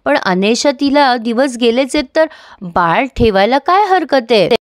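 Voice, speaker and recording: A practical middle-aged aunt, concerned and plain-spoken, read out by a woman. The voice is a touch high and dry. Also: animated, measured pace, dry recording.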